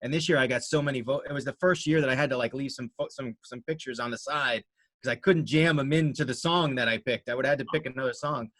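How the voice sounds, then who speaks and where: A man talks casually as an interview guest, at a middling pitch. He rambles along in a conversational way and is modest and self-deprecating about himself. The sound is dry, with little room in it. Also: fast talker, fairly bright tone, dry recording. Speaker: interview guest, amateur runner and race organizer.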